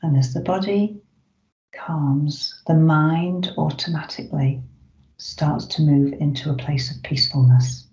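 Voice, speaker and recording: A meditation guide leading a breathing exercise in a soft, slow, soothing voice, with long pauses and moments that sink toward a whisper. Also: mid-range voice. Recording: roomy, slightly dull recording.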